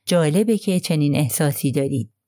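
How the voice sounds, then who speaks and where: Polite, probing older detective read by a woman, measured questions, dry close voice. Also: sits low, expressive, warm tone, dry recording.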